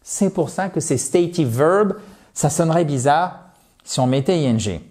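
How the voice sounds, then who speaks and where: A man teaching a language lesson online, talking straight to his viewers in a lively, emphatic way. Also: a little high, moderate pace. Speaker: English teacher.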